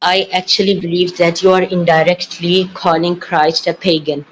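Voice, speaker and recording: A man from Saudi Arabia calling into a live online debate, his voice disguised by a voice changer, speaking in a halting, hesitant way. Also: high-pitched, flat delivery, slight background noise, low-quality recording. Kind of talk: arguing a religious point. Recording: voice run through a voice changer.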